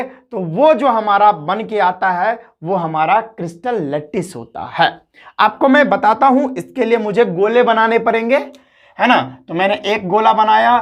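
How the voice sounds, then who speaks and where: A man teaching a class lesson online, chatty, repeating his points and talking straight to his students. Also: very high voice.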